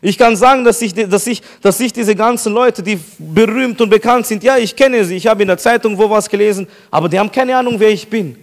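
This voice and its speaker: A pastor preaching an emphatic sermon to his congregation, slowing down to repeat key phrases. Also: sits high.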